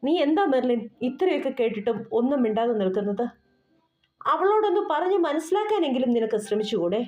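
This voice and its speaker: A woman's voice: high-pitched, animated, quick pace. A woman voicing a frustrated, hurt young man who speaks reproachfully, in an audio novel. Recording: roomy dull recording with soft music.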